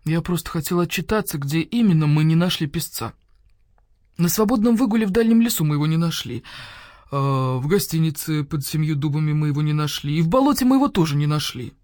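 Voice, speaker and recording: Woman voicing a police dog, eager, dutiful, barked-out military reports, loud, children's audiobook. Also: low voice, lively intonation, a little fast, dry recording, studio quality. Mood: reporting.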